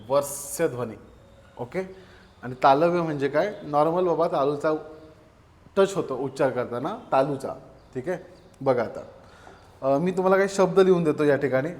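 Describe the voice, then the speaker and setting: A man's voice: fairly high pitch, darkish tone. Guy teaching grammar to a class, keeps repeating stuff back to students, voice rings around a big echoey room. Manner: asks questions and answers them himself, repeats terms.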